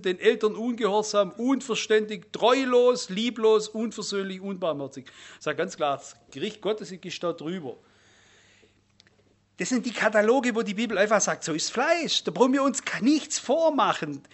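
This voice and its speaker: A man preaching a sermon, emphatic, rising loud and dropping low as he reels off lists.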